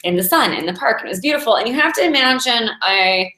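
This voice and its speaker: A woman's voice: on the high side, expressive, fast talker, pushed and bright. A woman in her forties giving a chatty, earnest inspirational talk as a meditation teacher, laughing now and then between thoughts. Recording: echoey room.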